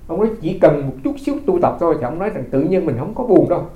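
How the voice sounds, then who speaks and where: A man's voice: fairly high pitch, lively intonation, racing, reverberant, highs cut off. A man who is a Buddhist monk from Vietnam, giving a dharma talk as folksy storytelling, often repeating his words.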